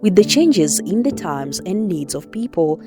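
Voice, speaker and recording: Woman, documentary narrator, formal, declarative, lowish pitch, music. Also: sing-song, unhurried.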